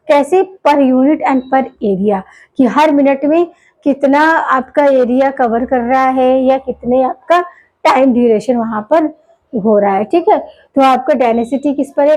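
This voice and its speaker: High-voiced woman teaching biology. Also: warm tone, poor audio. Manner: asks questions and answers them herself, keeps saying "theek hai"; mixes English terms into Hindi speech. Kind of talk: classroom lecture.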